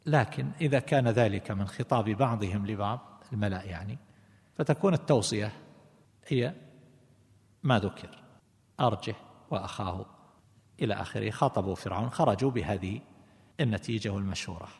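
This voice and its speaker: A man teaching a lesson on scripture commentary, explaining each reading deliberately and correcting himself as he goes. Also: fairly low pitch, vocal fry, a little mellow. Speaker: religious teacher. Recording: long hall reverb.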